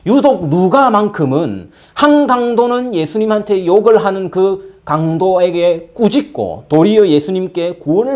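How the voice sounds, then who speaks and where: A male pastor giving a Sunday sermon in a conversational, animated way, acting out little everyday scenes. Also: on the high side. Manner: conversational, animated preaching with acted-out asides. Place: church in London.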